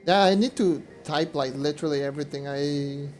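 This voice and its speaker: A young man chatting casually to his viewers while playing a game, rambling and repeating himself, his voice a little hoarse. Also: on the high side, fairly quick, faint music behind. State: slightly hoarse. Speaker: game streamer. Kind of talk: casual live-stream chat while gaming.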